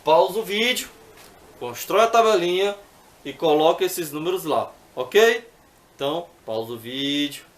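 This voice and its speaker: A man's voice: a little high, expressive, a little slow, reverberant. A man teaching math, working through exercises patiently step by step and often checking in with the viewer.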